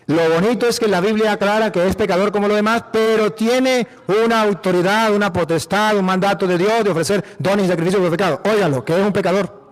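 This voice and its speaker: Man, Venezuelan accent, priest, emphatic sermon, repeats himself, high-pitched. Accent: Venezuelan Spanish. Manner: emphatic, repeats phrases, asks rhetorical questions. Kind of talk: apologetic preaching.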